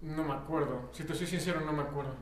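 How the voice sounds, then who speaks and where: Mexican young man, slightly high voice. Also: steady tone, fast talker, a little hiss or hum. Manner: joking, swearing, frequent fillers. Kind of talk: casual chat among friends. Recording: roomy echo.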